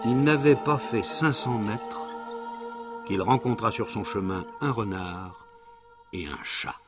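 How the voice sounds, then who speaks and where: A man narrating a children's story in a dramatic storybook manner, slowing down for suspense. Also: on the low side. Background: soft background music.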